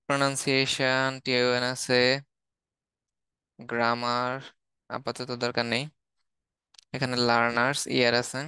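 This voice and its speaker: Man slowly listing English words, flat delivery. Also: medium pitch, smooth, no room sound. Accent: Bangladeshi. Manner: steady, listing words one by one. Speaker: English teacher. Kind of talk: reading out a word list in a lesson.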